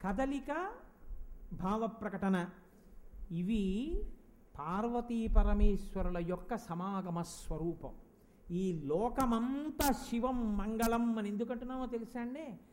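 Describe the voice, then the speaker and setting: A man giving a devotional discourse in an animated way, often putting questions to his listeners. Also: high voice, slow, pauses often. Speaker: spiritual speaker.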